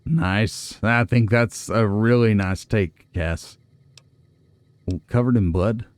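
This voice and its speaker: A man with a lowish voice speaks slowly on a dry recording as he hosts a casual game playthrough. He reads and reacts aloud, musing to himself and making wry asides to viewers.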